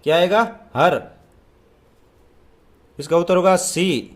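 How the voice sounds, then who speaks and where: A young man with a high-pitched voice teaches an English exam paper, posing questions and then answering them himself while reading the English lines out slowly.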